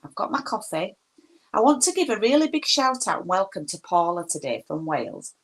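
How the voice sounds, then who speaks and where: This woman talks fairly quickly and animatedly in a medium-pitched voice. A middle-aged Yorkshire native with the accent to match, she chats casually on a craft live stream from her home craft room, greeting viewers by name.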